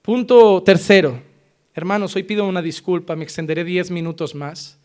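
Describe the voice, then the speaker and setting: Male pastor with a very high voice, emphatic and insistent sermon delivery. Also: normal speed, darkish tone, smooth.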